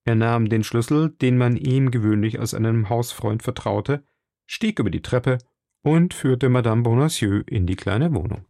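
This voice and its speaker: A man reading a classic novel aloud in a measured, plain storytelling manner. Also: medium pitch, creaky, warm tone, dry recording, studio quality. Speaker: audiobook narrator.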